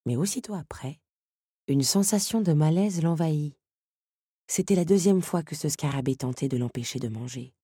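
Female audiobook narrator, low husky voice, dry close sound. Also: dark tone, no room sound. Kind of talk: audiobook reading.

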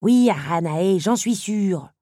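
A woman reading an audiobook and voicing a talking giant beetle, a male creature who is wise, gruff and scolds loudly. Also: mid-range voice, moderate pace, no room sound, studio quality, pitched above the performer's own voice. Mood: brisk.

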